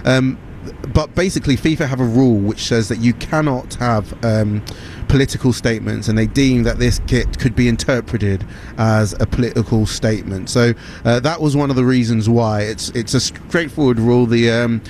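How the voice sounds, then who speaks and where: A man's voice: mid-range voice, moderate pace, a little mellow, a little hiss or hum. A man reporting from a football event, interviewing fans and chatting casually with some fillers. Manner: conversational, hesitant with fillers. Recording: music behind. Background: music.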